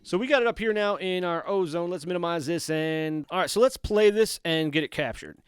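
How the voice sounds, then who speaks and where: A man's voice: high voice, brisk, clear, resonant tone, no echo. A man hosting a guitar lesson, talking casually and thinking aloud as he adjusts settings, joking at his own playing. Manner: self-deprecating, thinks aloud while tweaking settings. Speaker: guitar tutorial host. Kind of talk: casual hands-on demo talk.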